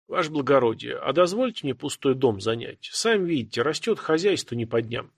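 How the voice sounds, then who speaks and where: A man's voice: medium pitch, animated, brisk, gravelly, slightly rough, dry recording, clean studio sound. A man voicing a young man who is respectful and good-natured, polite and earnest.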